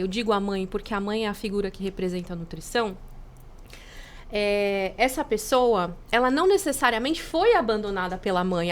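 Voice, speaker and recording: A woman's voice: medium pitch, a little hiss or hum. A woman, a podcast guest, explaining patiently with everyday examples.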